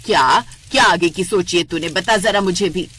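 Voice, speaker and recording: A woman voicing a sharp-tongued older mother-in-law who scolds and frets in a cartoon story. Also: lowish voice, normal speed, slight background noise, natural voice. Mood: scolding. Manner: scolding, nagging. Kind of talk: cartoon voice acting.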